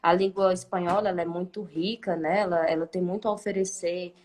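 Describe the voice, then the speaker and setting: A woman's voice: lowish voice, steady tone, brisk, darkish tone. A woman Spanish teacher explaining in a live online class, patient and talkative, who often ends sentences with a questioning "né?" and thinks aloud with restarts.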